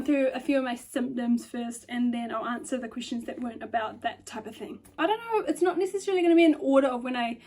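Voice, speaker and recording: A young vlogger in her twenties chats casually into her phone camera in her bedroom by a lamp, rambling with lots of "ums" and "likes." She sounds a bit out of breath, and her voice is fairly high and a little mellow.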